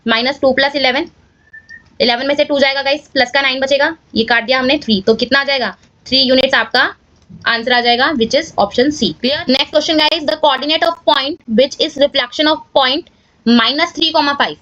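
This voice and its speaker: A woman's voice: high-pitched, fairly even intonation, moderate pace, pushed and bright, no echo, lo-fi sound. A woman teaching maths step by step in a casual manner, often checking in with viewers. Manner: casual, addresses viewers as guys, checks with "clear?".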